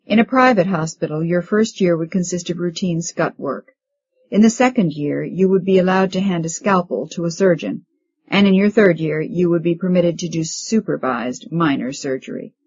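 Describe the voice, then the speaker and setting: Brisk, commanding hospital chief, man in middle age, read by a husky-voiced woman, slightly dull lo-fi audio. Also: fairly low pitch, a little mellow. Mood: stern. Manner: brisk, authoritative lecturing. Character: stern middle-aged male hospital chief briefing residents.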